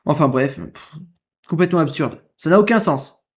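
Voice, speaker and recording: A man's voice: a little high, lively intonation, normal speed. A man reacting to a clip in casual commentary, indignant and repetitive, firing rhetorical questions. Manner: indignant, repeats himself, fires rhetorical questions.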